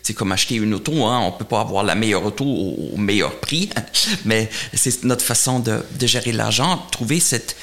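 A middle-aged man from Germany speaking French as a second language with a German accent, answering interview questions in a halting way, often repeating words. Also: fairly low pitch, animated, a bit bright. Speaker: portfolio manager, interview guest.

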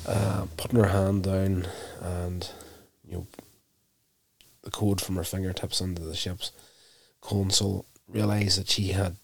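Deep gravelly man recapping an episode. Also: flat delivery, slight background noise. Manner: unhurried, self-correcting storytelling.

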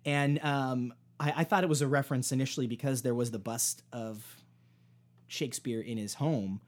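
Male podcast co-host, mid-pitched, thoughtful, talks through gag ideas. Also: steady tone, moderate pace. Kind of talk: casual chat.

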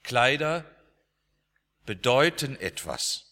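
A male preacher tells a story from the pulpit at an unhurried pace, with emphatic swings. His voice is bright and forceful, and a long church reverb hangs after each phrase. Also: mid-range voice, big pitch swings. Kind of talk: sermon.

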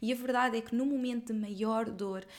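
A young adult woman from Portugal with a European Portuguese accent, hosting a podcast and telling a personal story straight to her listeners in a heartfelt, earnest way, talking quickly with lots of fillers and repeated words. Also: on the high side, fairly even intonation. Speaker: podcast host.

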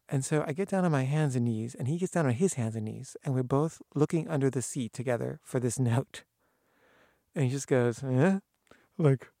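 A personal story comes from a man with a medium-pitched voice, told casually and with animation as he mimics those he quotes, repeatedly breaking off and restarting. Sound is studio quality with no echo.

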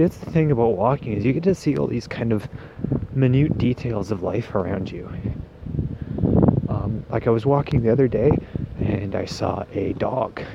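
A man's voice: medium pitch, creaky. A man in a casual, hesitant, meandering walk-and-talk monologue, laid-back, with slightly muffled, swollen-cheeked speech after wisdom teeth removal. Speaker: solo podcast host. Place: outdoors walking on a residential street. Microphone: handheld phone. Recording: noisy outdoor phone recording, wind, passing cars.

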